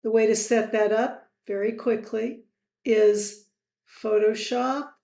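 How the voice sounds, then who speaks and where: Woman software tutor, unhurried, slightly high voice, echoey room on a desk mic. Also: steady tone, creaky. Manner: slow, friendly quiz-style asides. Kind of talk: screen-recorded tutorial.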